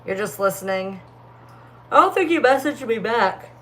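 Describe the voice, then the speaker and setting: On a phone livestream, a young woman chats casually while reading comments, sleepy and yawning as she goes. Her distinctive voice is a little high and a bit bright, with lively intonation at a normal speed. She rambles and leans heavily on filler words.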